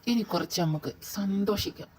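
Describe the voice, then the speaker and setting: A woman voicing a young man who pleads softly with his lover, in a fan audio drama. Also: medium pitch, fairly quick, husky, natural voice, low-quality recording. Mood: soothing. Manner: soft, apologetic, coaxing.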